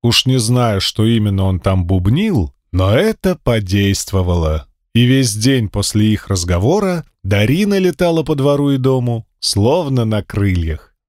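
A man reading a first-person fantasy audiobook in a steady, measured storytelling voice. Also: lowish voice, dry recording, clean studio sound. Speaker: audiobook narrator.

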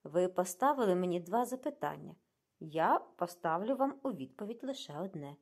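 A woman reading the lines of a shrewd middle-aged male detective who questions calmly and pointedly. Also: fairly low pitch, normal speed. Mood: probing.

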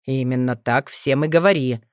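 A woman voicing a calm, gentle dragon father who talks to his young sons in a low, steady, reassuring way, read as an audiobook. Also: normal speed, no echo, studio quality. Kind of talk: audiobook reading.

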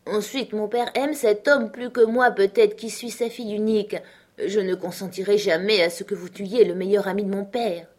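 A woman's voice: mid-range voice, fairly even intonation, moderate pace, voice pushed up, close to an everyday voice. A woman reading aloud, voicing a proud young daughter who speaks firmly and earnestly.

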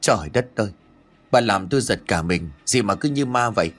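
A man's voice: fairly low pitch, animated, a little fast, fairly bright tone, soft background music. A man voicing an honest, talkative old village man in a spoken horror story, plain and frank, stumbling over a word now and then. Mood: startled. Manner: frank, talkative, slightly stammering.

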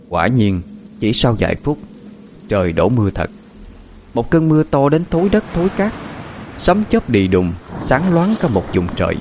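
A man narrating a horror story in a dramatic, expressive way. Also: on the low side, a little hiss or hum.

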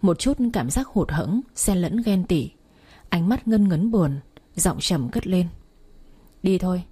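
A woman narrates a story in a steady, scripted audiobook manner. Her voice is mellow and warm with a husky edge. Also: on the low side, unhurried.

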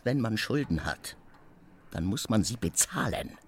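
An actor playing a coarse, scheming swindler in a radio drama, abusive and loud. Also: male voice, fairly low pitch, sing-song, a little slow. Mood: sneering. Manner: abusive, blustering, shouting. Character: scheming middle-aged male swindler, coarse, bullying. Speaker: Tarantjew.

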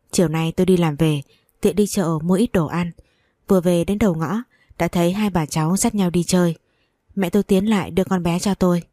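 A woman reading a first-person romance story aloud in an even, steady voice. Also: fairly low pitch, dry recording, studio quality. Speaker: story narrator.

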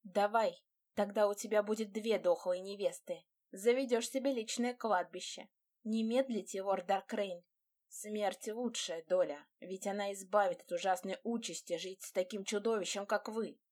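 A woman's voice: mid-range voice, steady tone, normal speed, darkish tone, close to an everyday voice. A woman voicing a fiery young bride who answers sharply and sarcastically in an audiobook. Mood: furious.

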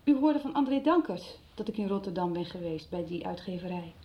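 A fairly low-pitched woman speaks a little fast with lively intonation, acting as an earnest, indignant schoolteacher defending herself in a 1990s radio drama. She fires direct, insistent questions, and the recording sounds slightly dull.

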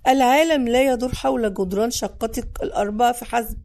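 Narrator voicing a scornful young woman who won't back down, warm higher voice, audiobook role. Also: fast, creaky. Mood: defiant. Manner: blunt, scornful. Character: fierce defiant young woman, daughter.

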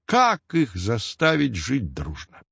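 A man's voice: mid-range voice, huge pitch swings, takes it slowly, creaky, fairly bright tone, husky, dry recording, muffled recording, heavily acted. A man voicing a ginger mustached tomcat who tells stories, talking solemnly and sighing over his troubles.

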